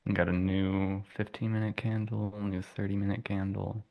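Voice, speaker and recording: A man's voice: lowish voice, flat delivery, moderate pace, vocal fry, lo-fi sound. A man trading on a live stream, chatting casually in an easygoing way.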